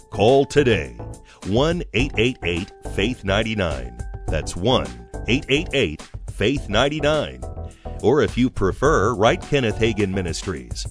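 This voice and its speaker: A male radio announcer giving a scripted show intro and an urgent call to order. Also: fairly low pitch. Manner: urgent promotional read.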